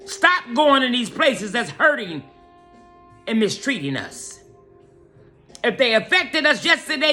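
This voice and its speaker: A woman hosting an inspirational morning message, exhorting listeners in a lively preachy style and calling them "y'all" and "honey". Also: fairly high pitch. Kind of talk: preachy motivational talk.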